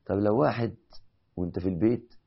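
A man's voice: fairly low pitch, fast, gravelly, breathy edge. A man with an Egyptian Arabic accent preaching an impassioned sermon, building to emphatic peaks. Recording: dull lo-fi recording.

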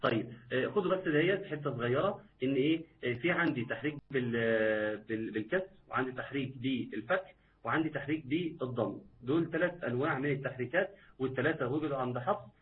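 A man's voice: mid-range voice, quick pace. Egyptian man teaching recitation over a tinny line. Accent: Egyptian Arabic. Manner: patient, repeats words and quizzes viewers. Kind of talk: live online recitation lesson.

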